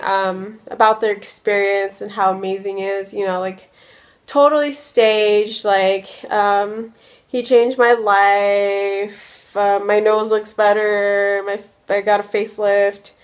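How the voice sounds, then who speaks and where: Drowsy from medication, a young American woman in her early twenties rambles through a casual vlog, her speech peppered with likes and ums. She talks slowly in a mid-range voice with little change in pitch.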